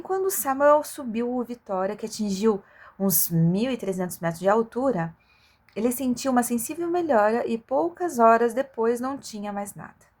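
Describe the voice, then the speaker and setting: Woman w/ a highish voice reading a kids adventure book out loud, expressive, trips on a word now n then. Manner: expressive amateur reading with small stumbles and self-corrections. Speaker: audiobook reader for children. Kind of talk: read-aloud storytelling of a children's adventure novel.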